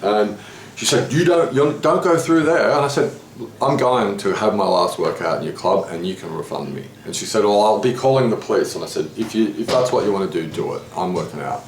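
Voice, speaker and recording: Animated man recounting a story. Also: a little fast. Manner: animated retelling, voicing others with rising pitch. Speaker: interviewee telling a story. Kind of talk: casual storytelling conversation. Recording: echoey room with faint background noise.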